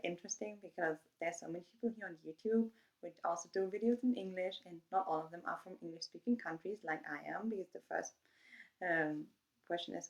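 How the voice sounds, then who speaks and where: A young woman from Germany with a German accent, chatting casually in her first vlog and reading prepared answers from her phone. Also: lowish voice. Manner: rambling, chatty, with frequent fillers. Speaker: YouTuber. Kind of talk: casual get-to-know-me vlog.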